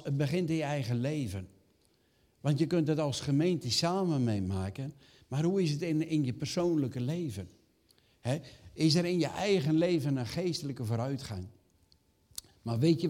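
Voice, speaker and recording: A man's voice: medium pitch, darkish tone. An older man preaching a sermon, asking the congregation rhetorical questions and raising his voice for quoted reactions. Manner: rising emphatic acted quotes. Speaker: pastor.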